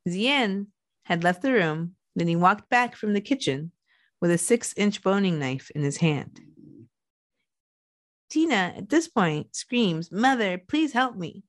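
A woman's voice: on the low side, very animated, slow pace, long pauses, dry recording, clean studio sound. A woman co-hosting a podcast, telling a true crime story in a loose, chatty way with some swearing. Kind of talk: casual true crime narration.

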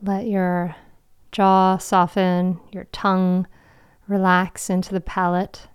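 Woman, meditation guide, soft spa-like hush, breathy edges, very smooth and clean, dry close sound. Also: lowish voice, monotone, no room sound. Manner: soft, soothing, slow delivery with long pauses. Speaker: meditation guide and show host.

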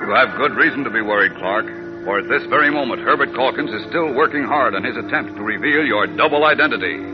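A man's voice: mid-range voice, fast. A man narrating as an old-time radio serial announcer, theatrical and suspenseful, building urgency. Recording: dull vintage radio recording, loud music.

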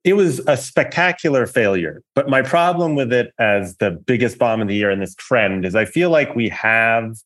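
A man's voice: medium pitch, lively intonation, moderate pace, hardly any pauses, fairly bright tone. A man giving conversational commentary as a podcast guest.

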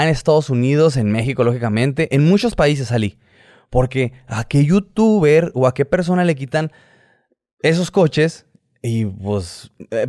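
A Mexican man in casual podcast chat, wandering from story to story. His voice sits at an ordinary middle pitch. The sound is dry and close, with no room around it. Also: darkish tone, no echo. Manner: rambling, loses his thread. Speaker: podcast guest.

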